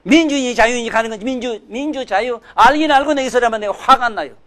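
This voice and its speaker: An older man giving a sermon, scolding and emphatic, swinging from loud outbursts to low mutters. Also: quick pace. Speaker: Buddhist dharma teacher.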